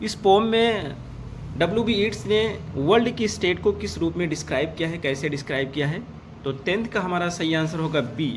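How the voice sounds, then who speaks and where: A man teaching an exam-prep lesson, reading each question slowly and then explaining the answer in Hindi. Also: on the high side, a little hiss or hum.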